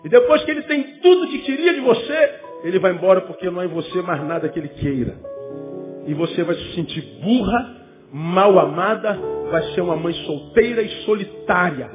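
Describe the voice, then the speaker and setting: High-pitched preaching pastor, tinny sound. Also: male voice, animated, fairly quick. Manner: emphatic preaching, rhetorical questions, jokey asides. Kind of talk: sermon to young people. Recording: phone-like, with loud music.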